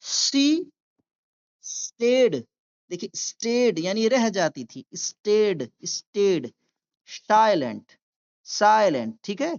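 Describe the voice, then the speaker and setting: Indian woman, reading teacher, very slow word-by-word delivery, spells and repeats each word, muffled lo-fi sound. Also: medium pitch, expressive, a little mellow. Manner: spells words letter by letter, repeats each word, explains in Hindi. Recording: dull lo-fi sound.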